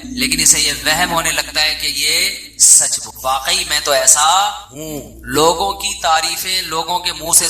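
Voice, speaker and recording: A man delivers a sermon in an easy, talking style, often throwing out a question and then answering it. His voice sits high and sounds very bright and cutting. The room around him is echoey. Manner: conversational preaching with rhetorical questions. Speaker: religious scholar.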